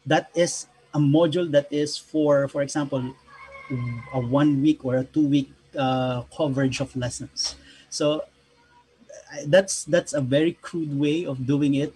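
Measured man explaining on a call. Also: a little high, a little mellow, slightly rough, low-quality recording. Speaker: panel speaker, school educator. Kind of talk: panel answer on video call. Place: home room with window, video call.

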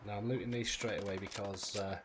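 A man with a low voice talks through a video game in a casual, unpolished way, swearing freely and thinking aloud. Clear noise and clicking sit behind his voice. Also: steady tone, a little fast. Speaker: gaming video host. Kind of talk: casual gameplay commentary. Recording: clearly noisy background with clicks.

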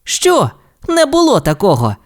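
A man's voice: very high-pitched, huge pitch swings, measured pace, voice pushed up, exaggerated voice. A man voicing a young male race car in an audio storybook, doubting and protesting. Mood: skeptical. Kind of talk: storybook character voice.

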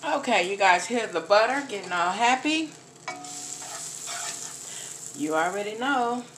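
A woman's voice: mid-range voice, expressive, measured pace, a bit bright. A middle-aged woman talking viewers through a home cooking recipe in a chatty, casual way, speaking to "you guys" as she cooks at her kitchen stove. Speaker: home cook vlogger. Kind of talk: casual cooking vlog narration. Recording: faint noise, food sizzling in the pan.

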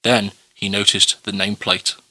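A man's voice: fairly low pitch, flat delivery, moderate pace, pushed and bright. A man reading scripted story narration as the narrator.

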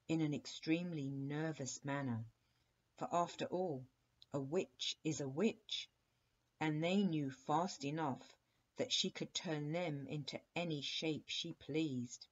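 Slow, husky woman reading a bedtime story. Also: deep voice, muffled recording. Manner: slow, steady and soothing. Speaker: storybook reader.

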